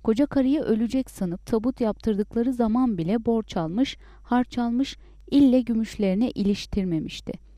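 Woman narrating a story, mellow dark voice. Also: fairly high pitch, normal speed, no room sound. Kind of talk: audiobook narration.

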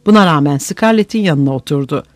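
Expressive audiobook narrator, lively pitch. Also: fast, no room sound. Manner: expressive, dramatic reading.

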